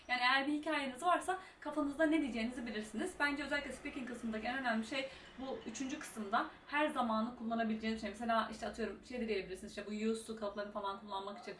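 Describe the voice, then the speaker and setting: Fast-talking young woman in a roomy echo. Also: on the high side, fairly bright tone. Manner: fast-talking, chatty, many fillers. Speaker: IELTS tutor and YouTuber. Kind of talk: casual advice vlog. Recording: roomy echo, mic at a distance, faint room noise.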